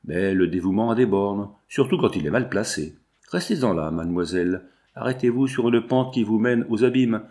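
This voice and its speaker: A vengeful middle-aged magistrate, voiced by a man reading an audiobook, cold and accusing. He presses every point relentlessly in a fairly low voice. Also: animated, normal speed, darkish tone, close to an everyday voice. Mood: stern.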